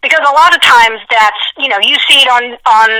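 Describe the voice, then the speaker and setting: A woman talking casually as an interview guest, telling stories in an animated way. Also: fairly high pitch, fairly quick, poor audio. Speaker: podcast guest, ring announcer and commentator.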